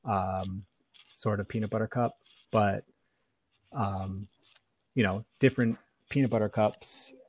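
A man's voice: lowish voice, steady tone, measured pace, long pauses, darkish tone. A man in a casual chat, easygoing and rambling, often restarting his sentences. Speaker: podcast co-host.

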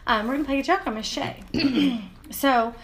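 Woman, 30s, kinda high voice, laughing and cussing through a wild story. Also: moderate pace. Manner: animated, laughs while telling, swears freely. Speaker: podcast co-host. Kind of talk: casual storytelling chat.

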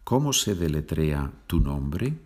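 Slow, low-voiced teacher man. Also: big pitch swings, a little mellow. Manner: slow, repeats phrases for learners. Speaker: Spanish teacher. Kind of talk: language lesson podcast.

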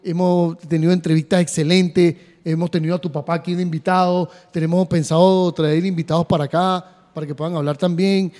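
A man's voice: fairly high pitch, level tone, brisk, hardly any pauses, darkish tone. A man co-hosting a sports podcast in casual, chatty and upbeat conversation. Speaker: podcast co-host. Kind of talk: casual chat. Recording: reverberant room.

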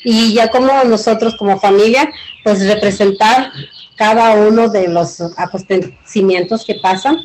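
A mature woman with a Mexican accent presents her culture informally. Her pitch sits in the middle, and her phrasing is earnest, homely and meandering. A little noise sits behind her voice. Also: a little mellow, low-quality recording. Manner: rambling, colloquial, earnest. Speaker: invited community leader.

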